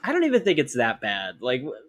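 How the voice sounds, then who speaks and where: A man's voice: mid-range voice, wildly swooping pitch, quick pace. A man hosting a podcast in casual chat, rambling with lots of fillers. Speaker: podcast host.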